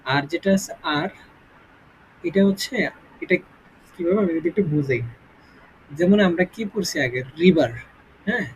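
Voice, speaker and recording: উঁচু গলায় ধীরে ধীরে বোঝানো শিক্ষক. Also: male voice, high voice, expressive, highs cut off, slight background noise. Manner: explains slowly, with many check-ins to the student. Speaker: English teacher. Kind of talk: informal spoken lesson.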